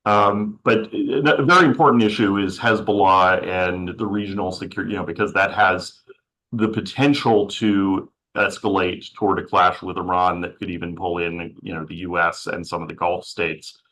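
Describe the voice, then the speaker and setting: A man's voice: low-pitched, steady tone, moderate pace, sharp tone, poor audio. A man moderating a policy panel who is losing his voice and asks long, rambling questions.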